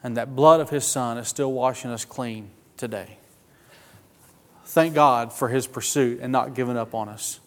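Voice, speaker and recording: A man's voice: medium pitch, fairly even intonation. Earnest man preaching in a reverberant hall. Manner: earnest, emotional, slow emphatic phrasing. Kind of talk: sermon.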